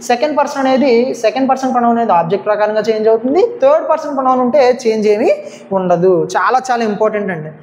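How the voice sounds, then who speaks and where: Telugu-accented woman teacher quizzing her class, quick talker, bit of background noise. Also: fairly high pitch, darkish tone. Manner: keeps asking rhetorical questions, mixes Telugu and English. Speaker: English grammar teacher. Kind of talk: exam coaching lecture.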